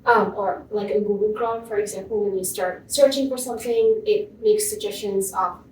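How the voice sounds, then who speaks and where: A woman's voice: mid-range voice, fairly even intonation, normal speed, darkish tone, slight background noise. A young woman from Tunisia presenting at a conference in a casual way, full of ums and likes. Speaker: MA student and teaching assistant presenter. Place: conference room. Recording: echoey room, far from mic.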